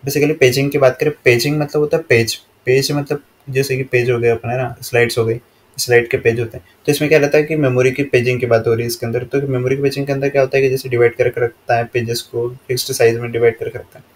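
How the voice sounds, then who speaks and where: Flat-voiced Indian man teaching. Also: mid-range voice. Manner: steady monotone, reads English slide lines slowly then explains. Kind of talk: explaining slides in a lesson.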